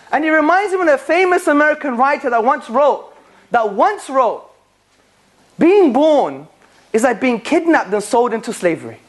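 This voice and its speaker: Addressing a room full of people, this speaker has a high-pitched voice and delivers a lively talk about faith and philosophy. The style is rhetorical and questioning, peppered with jokes and bursts of laughter, and questions are thrown again and again at the audience.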